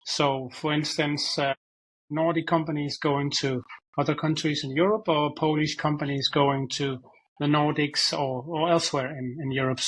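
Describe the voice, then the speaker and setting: A man's voice: on the high side, fairly even intonation, normal speed, a bit bright, a little hiss or hum, poor audio. A man from Denmark, a guest expert answering interview questions in a hesitant, word-repeating way. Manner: hesitant, repeats words while thinking. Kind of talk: conversational interview.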